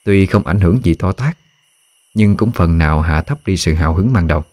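A man narrating a story in a calm, measured storytelling voice. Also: sits low, no room sound.

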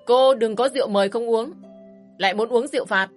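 A woman reading as a smug, pushy ex-husband, mocking and overly familiar. He talks a little higher and louder than the reader's usual voice, wheedling in a storybook narration. Faint music plays softly underneath. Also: fast, natural voice. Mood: threatening.

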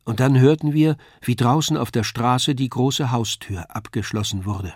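A man calmly reading a classic novella aloud. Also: medium pitch, normal speed, no room sound, studio quality. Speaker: reader. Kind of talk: scripted narration of a novella.

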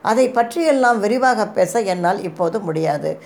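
A timid young woman pleads anxiously, scared and begging to be led to safety, as a woman reads her lines. Her storybook voice is pitched a little higher than the narration. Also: expressive, normal speed, creaky, darkish tone. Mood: pleading.

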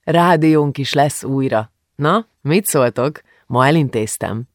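A man voicing a warm, cheerful middle-aged father in an audiobook, gentle and a little sheepish. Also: medium pitch, no echo, clean studio sound, lightly acted.

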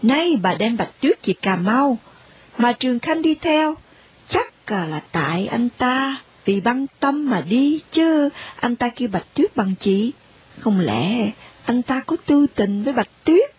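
A woman reading a story aloud in an even, unhurried narration. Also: a little high, slightly rough. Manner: slow, even storytelling with voiced dialogue.

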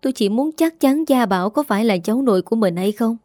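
A woman's voice: fairly high pitch, normal speed, mellow, dry recording, close to an everyday voice. Middle-aged storybook mother, tearful and begging, read by a woman, dry close sound.

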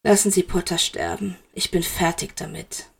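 A woman reading a bitter, furious male wizard teacher in a fan fiction audiobook, with a sharp, accusing delivery. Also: lowish voice, fairly even intonation, moderate pace, creaky, husky. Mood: defeated.

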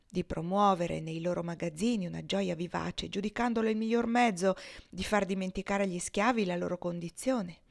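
A woman narrating a classic novel as an audiobook. Her reading is measured and expressive, at a medium pitch. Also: gravelly. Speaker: audiobook reader.

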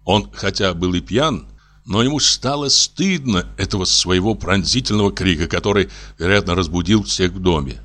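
A man narrating a classic story as an audiobook, with expressive, varied intonation. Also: deep voice, moderate pace.

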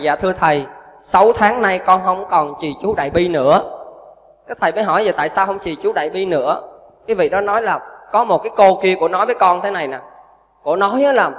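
A man's voice: high voice, long reverb tail. A man, a Buddhist monk giving a storytelling sermon and acting out the people he quotes. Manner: storytelling, acts out quoted voices, animated.

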